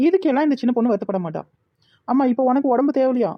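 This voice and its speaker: A woman voicing a cheeky young village woman in a cartoon, with a Tirunelveli Tamil accent, talking back quickly. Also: high voice, animated, dull audio. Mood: sassy. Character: sassy young village woman, elder daughter.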